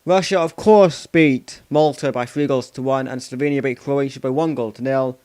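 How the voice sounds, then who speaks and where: A mid-range male voice at normal speed, darkish in tone and free of echo, belongs to a football channel host. He goes over the results in a relaxed, meandering way, dropping "of course" constantly and correcting himself as he goes.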